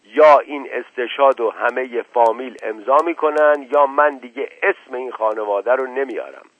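Man doing a shouting, furious bandaged man. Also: medium pitch, dry recording, close to an everyday voice. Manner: shouting, indignant. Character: enraged bandaged middle-aged man. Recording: tinny dry radio recording.

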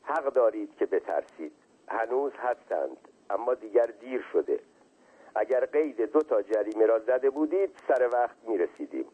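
A man voicing an eager, evasive young male servant in a husky voice, heard as a tinny radio reading. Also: mid-range voice, animated. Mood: fearful. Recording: tinny phone-like radio sound.

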